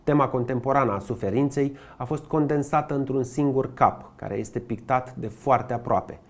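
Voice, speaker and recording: A man giving scripted documentary narration with a measured, even delivery. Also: mid-range voice.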